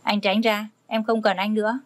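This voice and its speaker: A woman's voice: medium pitch, flat delivery, moderate pace, no room sound, close to an everyday voice. A woman voicing a sulky, accusing young pregnant wife.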